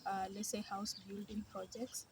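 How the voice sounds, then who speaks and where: A young woman from South Sudan, a student in her twenties, answers interview questions earnestly and hesitantly. She sits far from the mic, which makes her sound distant. Loud background noise runs under her voice. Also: mid-range voice, little pitch movement, moderate pace. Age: 20s. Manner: earnest, hesitant with frequent uh fillers. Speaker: student guest.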